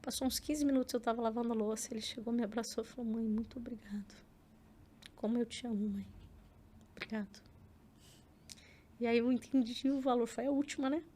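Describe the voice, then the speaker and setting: A woman's voice: on the high side, steady tone, fast talker, hardly any pauses, mellow, a little hiss or hum. A middle-aged Brazilian woman with a Brazilian Portuguese accent, a podcast guest telling a personal story in casual interview chat, acting out quoted lines. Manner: storytelling with acted quotes and frequent filler words.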